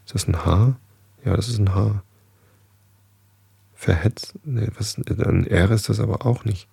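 Deep gravelly man reading aloud. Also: a little slow, dark tone, no room sound. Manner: stumbles over words and corrects himself. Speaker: reader. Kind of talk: reading a children's book aloud with casual asides. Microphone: desk microphone.

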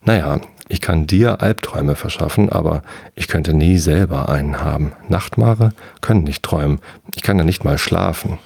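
A man's voice: extremely low pitch, normal speed, vocal fry, darkish tone, breathy edge, no room sound, heavily acted. A man voicing a bitter, sleepless nightmare gnome in a bedtime story reading, lecturing in a condescending way.

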